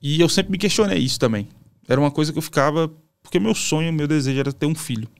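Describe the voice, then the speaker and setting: A man's voice: a little high, quick pace, creaky, clear, resonant tone. A Brazilian man, a pastor guest on a podcast, telling a personal testimony in a casual, emotional, storytelling way with colloquial asides. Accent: Brazilian Portuguese.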